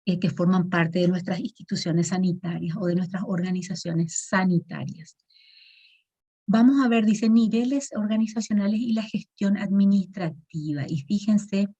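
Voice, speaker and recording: Woman lecturer, low-pitched, explanatory online class, lo-fi call audio. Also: dark tone. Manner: patient, explanatory, checks in with frequent tag questions. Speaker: teacher.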